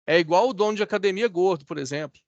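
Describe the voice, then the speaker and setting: High-voiced Brazilian instructor on a video call. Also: male voice, quick pace, dry recording, dull audio. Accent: Brazilian Portuguese. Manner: conversational, checks in with students often. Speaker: course instructor. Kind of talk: online class lecture.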